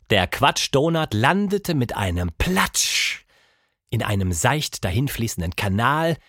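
A man reads a children's story aloud with a very lively, rising and falling delivery. The recording is close and dry, with no room sound. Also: medium pitch, no echo. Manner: lively expressive reading. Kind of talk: children's audiobook narration.

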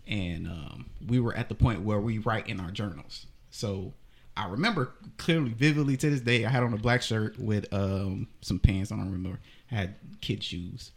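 Low gravelly man telling a story. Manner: unhurried, hesitant with many ums. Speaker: podcast co-host. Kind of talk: casual storytelling.

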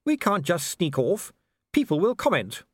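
A well-bred lady who speaks crisply and firmly, her voice raised high and bright, as a man puts her on. She is proper and a little bossy. The sound is dry and close. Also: wildly swooping pitch, normal speed, no echo, full character voice.

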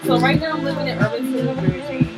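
A woman's voice: sits high, steady tone, fast, far from the mic, over music. A woman with a Queens, New York accent chatting casually and emphatically as a guest. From Queens, New York City. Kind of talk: casual chat.

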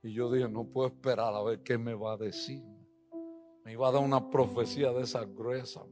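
A man preaching a sermon, telling stories and building up to loud exhortation, with English phrases mixed into his Spanish. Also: steady tone, brisk, over music. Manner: storytelling, swings from low asides to loud rising exhortation.

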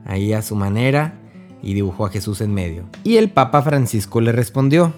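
A man's voice: on the low side, lively intonation, brisk, darkish tone, soft background music. A man with a Mexican accent hosting a casual religious podcast, talking straight to the listener in a chatty way. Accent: Mexican Spanish. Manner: chatty, addresses the listener directly. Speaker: podcast host.

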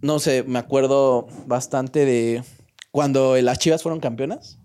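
Mellow and smooth, this young man's medium-pitched voice holds a steady tone and moves a little slowly. He has a Mexican accent and chats casually on a podcast, using slang and plenty of fillers and restarts.

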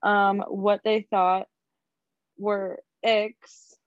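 A woman's voice: medium pitch, flat delivery, no echo. A young woman co-hosts a laid-back podcast chat, laughing often and stretching out her phrases. Her voice sits in a middle range. The recording is dry and a bit dull, with a lo-fi edge. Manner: giggly, chatty, drawn-out phrasing. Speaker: podcast co-host. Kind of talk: casual chat.

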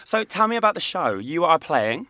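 A man's voice: on the high side, very animated, normal speed, sharp tone, dry recording. A man hosting a radio show, camp, playful and gushing with his guests in the studio. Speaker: radio host.

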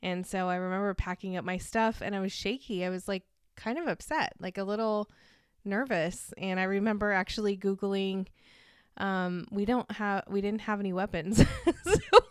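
A woman's voice: mid-range voice, steady tone, normal speed, clean tone, dry recording, clean studio sound. A woman telling stories in a casual podcast interview, rambling a little and laughing often. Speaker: podcast guest and co-host.

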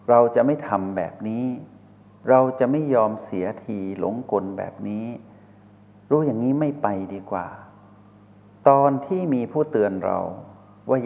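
A man giving a slow, measured dharma talk as a spiritual teacher, posing rhetorical questions to listeners. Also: mid-range voice. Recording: reverberant hall over a tinny phone-like line.

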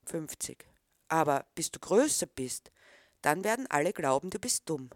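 A woman's voice: sits low, very animated, moderate pace, no room sound, clean studio sound. A woman reading the part of a disapproving middle-aged man who questions a boy. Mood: stern.

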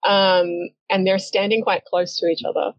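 A woman's voice: medium pitch, flat delivery, normal speed, no room sound. A woman game master narrating a collaborative comic story game in a chatty, hesitant way with lots of fillers. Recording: dull, lo-fi and dry.

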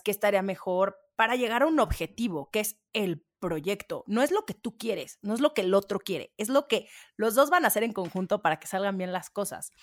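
A woman with a Mexican Spanish accent, hosting an interview in a relaxed, reflective and chatty way, using casual slang. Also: mid-range voice. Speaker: interviewer, host. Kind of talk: conversational interview.

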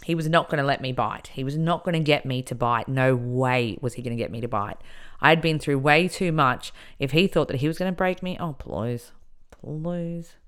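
A woman telling a personal story on a podcast, emphatic and animated as she recounts events. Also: sits low, clear, resonant tone.

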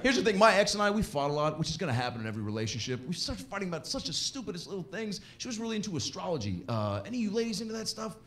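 Crude lively male stand-up comic. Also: sits high, rapid-fire, hardly any pauses. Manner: crude, self-deprecating, laughing at own jokes. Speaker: stand-up comedian. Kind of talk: stand-up comedy set. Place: comedy club stage. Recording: echoey club with crowd laughter.

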